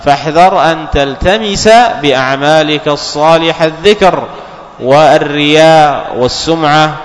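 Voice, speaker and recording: A man giving a religious lesson, explaining texts in a measured way, repeating key phrases and half-chanting quotations. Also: fairly high pitch. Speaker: Islamic scholar teaching. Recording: long hall reverb.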